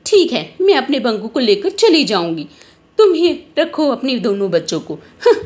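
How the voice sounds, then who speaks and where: A proud, quarrelsome mother in a doll story, voiced by a woman, high and indignant as she brags about her son and scolds another child. She talks with a boastful, defensive edge. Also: big pitch swings, moderate pace, darkish tone.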